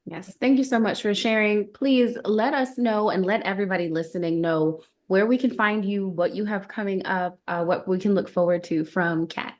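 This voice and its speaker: A woman's voice: mid-range voice, moderate pace, few pauses. A woman co-hosting a podcast, asking her guest questions politely. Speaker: podcast co-host. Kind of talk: interview questions.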